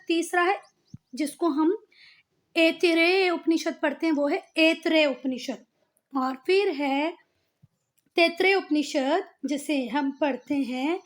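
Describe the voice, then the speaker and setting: A woman teacher giving a lesson in a casual, repetitive style, calling her pupils "beta" and making them say each term again. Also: sits high. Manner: talks to pupils as "beta" and "bhaiya", repeats and drills words. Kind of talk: classroom lesson with board writing.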